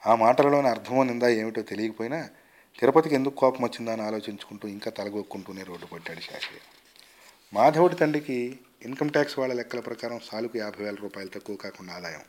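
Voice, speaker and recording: A man reading a short story aloud in a measured, expressive storytelling manner. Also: mid-range voice. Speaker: story reader.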